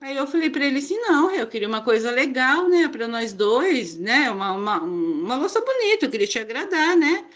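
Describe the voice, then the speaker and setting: A woman's voice: sits high, sing-song, a little fast, hardly any pauses, fairly bright tone. A woman with a Brazilian Portuguese accent, a therapy group participant pouring out a personal account in a rambling, confiding way full of repeated fillers.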